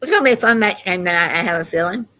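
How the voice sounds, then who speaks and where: A woman's voice: fairly low pitch, animated, very fast, pushed and bright. An older woman with a Southern US accent, chatting casually to livestream viewers in a folksy, meandering storytelling way. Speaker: livestream host.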